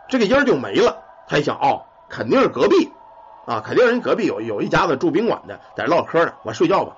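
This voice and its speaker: A man telling a ghost story in a colloquial, animated way. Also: high-pitched, a little hiss or hum. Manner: colloquial, animated, swears casually. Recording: muffled lo-fi recording.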